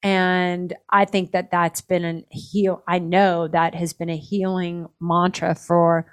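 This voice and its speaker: A woman co-hosting a podcast in casual chat, talkative and quick to laugh, often restarting her sentences. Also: fairly low pitch, level tone, clear, resonant tone. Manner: chatty, laughs easily, trails off and restarts. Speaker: podcast co-host.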